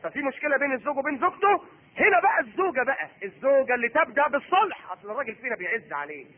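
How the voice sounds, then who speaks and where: A middle-aged man preaching a sermon in an Egyptian Arabic accent. He is animated and acts out the voices of husband and wife. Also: very high voice, very fast. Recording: husky voice on tinny phone-like recording.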